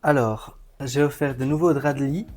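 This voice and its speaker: A man's voice: mid-range voice, steady tone, normal speed, darkish tone, soft background music. Wry, campy young male drag vlogger. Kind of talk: casual vlog chat.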